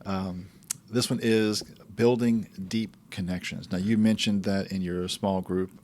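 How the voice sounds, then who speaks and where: A man hosting a podcast, speaking in an easygoing, halting way with small asides. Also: sits low, steady tone, darkish tone. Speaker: podcast host. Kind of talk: casual conversational podcast.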